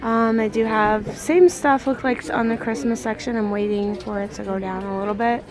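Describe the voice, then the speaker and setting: A woman vlogger films a casual shopping video on a handheld phone inside a large store, gushing over cute things she finds. Her voice is medium-pitched and steady at a normal speed, with a crowd audible behind her.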